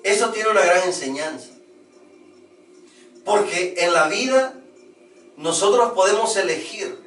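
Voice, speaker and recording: A man teaching a spiritual lesson through a parable, telling it in a slow, measured way. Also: sits high, expressive, fairly bright tone, slight background noise. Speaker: esoteric teacher. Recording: echoey room, distant mic.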